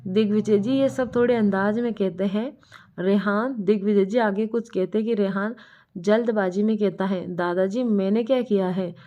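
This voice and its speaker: A woman's voice: mid-range voice, fairly even intonation, normal speed, mellow. A woman reading a family drama story aloud, voicing every character herself. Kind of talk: scripted narration. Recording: muffled lo-fi recording.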